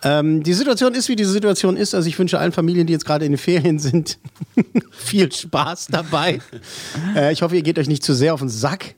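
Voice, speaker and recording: A man's voice: a little high, fairly quick, a little mellow. A man hosting a film podcast in casual German chat, joking and rambling with plenty of fillers. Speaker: podcast host.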